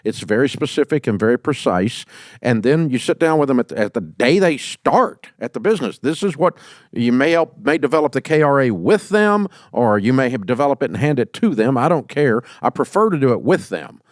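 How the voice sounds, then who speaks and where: A middle-aged man hosting an advice show, talking emphatically and folksily and jumping into loud acted quotes. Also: mid-range voice, big pitch swings, a little fast, dry recording, clean studio sound. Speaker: host giving leadership advice. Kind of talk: call-in advice talk.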